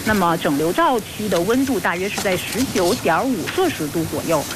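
A woman reporting live from outdoors as a news correspondent, speaking earnestly and formally with hesitant pauses as she improvises. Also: mid-range voice. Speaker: field reporter for a radio broadcast. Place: outdoors at a launch site. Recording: noisy outdoor live feed with steady hiss.

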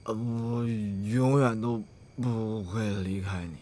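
An actor playing a devoted, bashful young suitor in a costume drama, speaking in an earnest, hesitant way. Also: male voice, lowish voice, fairly even intonation, slow pace, mellow, a little hiss or hum. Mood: earnest vowing.

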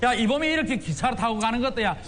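Man as sharp, high-voiced older husband, Yanbian Korean accent. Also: lively intonation, racing, a little hiss or hum. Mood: blustery. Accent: Yanbian Korean from China. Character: thrifty, blustery older husband, like a big brother. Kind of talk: comic sketch acting.

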